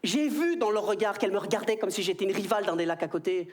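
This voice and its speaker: A man in his thirties with a Belgian French accent, performing an animated stand-up comedy routine on stage. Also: high voice, quick pace. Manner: animated, jumps into quoted voices. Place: stage before a live audience.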